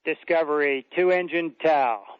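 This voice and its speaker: Male communicator heard over radio, slightly raised pitch, clipped calls, dry muffled line. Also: moderate pace, dry recording. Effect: radio transmission. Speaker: mission control communicator.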